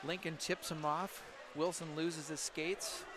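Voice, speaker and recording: A man calling live hockey play-by-play, rapid and excited, often rising to shouts. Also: fairly high pitch. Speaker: play-by-play commentator. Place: ice rink.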